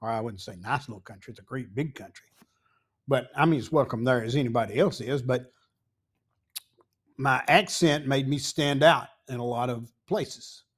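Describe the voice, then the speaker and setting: A man in his sixties or older with a Tennessee accent, a podcast host telling a rambling, folksy story full of pauses and asides. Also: mid-range voice, husky. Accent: Southern US, Tennessee. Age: 60s or older. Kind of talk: casual storytelling.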